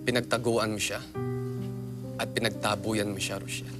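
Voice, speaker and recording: A man's voice: fairly low pitch, little pitch movement, normal speed, loud music behind the voice, lightly acted. An actor with a Filipino accent playing an emotional, remorseful, grieving father in a TV melodrama. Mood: bitter, grieving. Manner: emotional, earnest.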